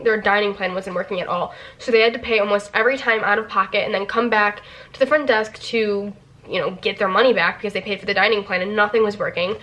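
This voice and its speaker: A woman's voice: medium pitch, a bit bright. A young woman vlogger casually telling stories to her camera, chatty and full of "like" fillers. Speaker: vlogger, former theme park worker.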